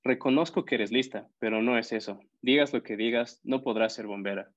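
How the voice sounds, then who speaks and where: Man doing a loud, scornful big schoolboy. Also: mid-range voice, brisk, highs cut off, lightly acted. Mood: smug. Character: tall big boastful schoolboy, bossy.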